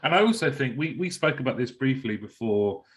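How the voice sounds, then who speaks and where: A man with a mid-range voice, lively intonation and a brisk delivery hosts a podcast. In this podcast interview chat he's friendly and conversational, asking long, rambling questions.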